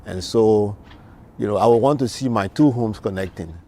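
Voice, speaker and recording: Man, math teacher in interview, lowish, measured with fillers. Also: mellow. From Liberia. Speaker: math instructor.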